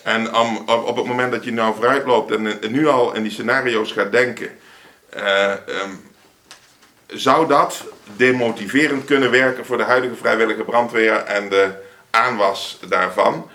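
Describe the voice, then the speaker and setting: A man answering questions in a council meeting, explaining in a measured, slightly halting way. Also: on the low side, fairly even intonation, pushed and bright. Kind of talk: formal meeting reply.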